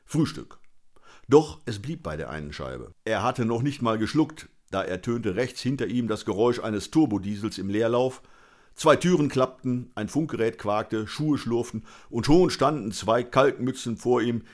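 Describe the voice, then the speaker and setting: Male narrator for a gritty crime audiobook, lowish pitch, dry and wry. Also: expressive, moderate pace. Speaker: audiobook reader. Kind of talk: scripted narration of a crime novel.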